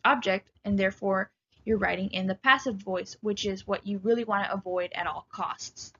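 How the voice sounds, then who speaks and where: A woman giving a recorded writing lecture, speaking clearly and instructively and addressing students directly. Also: medium pitch, steady tone, normal speed, a bit bright, muffled recording, a little hiss or hum.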